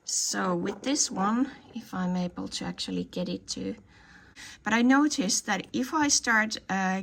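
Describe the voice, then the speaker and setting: A woman talks through her indoor growing space in an easy show-and-tell way. She speaks slowly, with a gravelly edge to her voice. She thinks out loud and stops to correct her own words. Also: mid-range voice. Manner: tentative, thinking aloud and correcting herself. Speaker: hobby plant grower showing her collection. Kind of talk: casual show-and-tell video tour.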